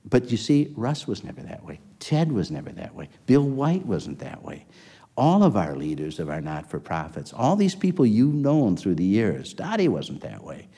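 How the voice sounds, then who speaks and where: An older man reminisces about his career for an oral history, telling stories at a wandering pace with many false starts. The voice is fairly low, warm and slightly rough, and the recording has a long hall reverb.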